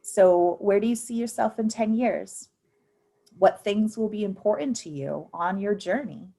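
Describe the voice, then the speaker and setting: A woman's voice: mid-range voice, measured pace, warm tone. Upbeat thirties woman on a video call, encouraging, lots of ums. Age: 30s. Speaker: financial literacy presenter. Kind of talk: online workshop presentation.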